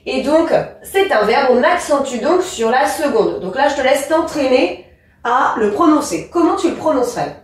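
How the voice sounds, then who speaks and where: A woman's voice: high voice, lively intonation, moderate pace, recorded from a distance. A woman teaching an English lesson, explaining rules to a pupil and stressing the example words, speaking directly to the listener. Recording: echoey room, a bit off-mic.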